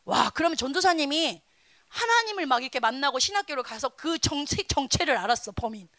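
A woman in her thirties preaching a children's sermon in a church, telling stories with sudden swings between loud and soft. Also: sits high, sing-song, brisk, no room sound.

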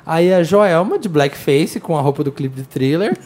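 A man guest in a casual chat, relaxed and often trailing off softly. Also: a little high, normal speed.

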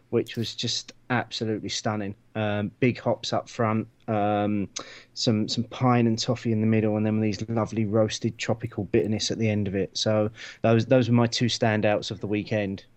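Smooth, even-toned Essex man chatting. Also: lowish voice. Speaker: podcast co-host. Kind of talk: casual beer review chat.

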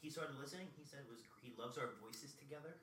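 Fast, bright-voiced podcast co-host, a man. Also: medium pitch, echoey room, slight background noise. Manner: blunt, swears casually, animated. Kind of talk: casual chat.

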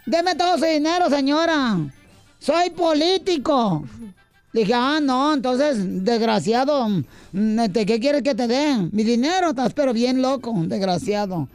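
Man playing a comadre, loud, bossy, teasing, high voice, radio comedy sketch. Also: a little slow, smooth, dry recording, soft background music. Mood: sassy. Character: brassy heavyset gossiping comadre woman.

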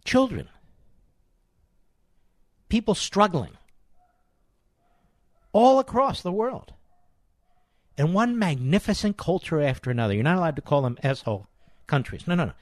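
Animated older American man delivering political commentary. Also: a little high, unhurried, pauses often, dry recording, clean studio sound. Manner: emphatic, rhetorical questions, sarcastic, repeats phrases for effect. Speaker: political talk show host. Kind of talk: impassioned political commentary monologue.

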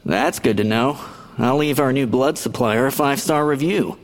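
A man's voice: medium pitch, moderate pace, long reverb tail, soft background music, close to an everyday voice. An actor playing a sarcastic, blunt ghost who drops his dinner-theater role. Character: snarky male ghost actor, Colonel Mustard role. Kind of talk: audio drama acting.

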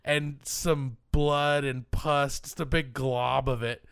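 A man co-hosts a casual podcast, recapping a film with wry, deadpan humor. His voice is clear and smooth, recorded close with a dry, dead sound and no room echo. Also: mid-range voice, takes it slowly. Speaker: podcast co-host.

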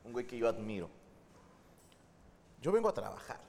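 A man's voice: medium pitch, big pitch swings, moderate pace, creaky, a little mellow. A comedian with a mid-range voice tells crude anecdotes and acts out the quotes. His voice carries long reverb, with a faint ambient hiss underneath. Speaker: comedian, podcast co-host. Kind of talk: casual comedic storytelling.

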